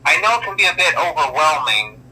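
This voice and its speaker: A chatty night-shift trainer whose voice comes through as a recorded phone message in a horror game. He rambles offhandedly with lots of uh and um. The tone is very bright and forceful. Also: fairly high pitch, sing-song, fairly quick, breathy edge, exaggerated voice, rough recording. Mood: offhand.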